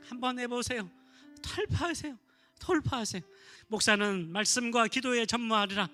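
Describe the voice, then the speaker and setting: A man's voice: high-pitched, bright, forceful tone. A middle-aged male pastor preaching a fervent sermon, repeating his exhortations and calls to believe.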